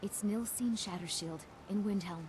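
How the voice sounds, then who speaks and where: A woman's voice: medium pitch, moderate pace, natural voice. An actress playing a bitter, vengeful jilted woman in a fantasy video game, with intense, emphatic phrasing. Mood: conspiratorial. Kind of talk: dramatic video game voice acting. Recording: game audio with clear background noise.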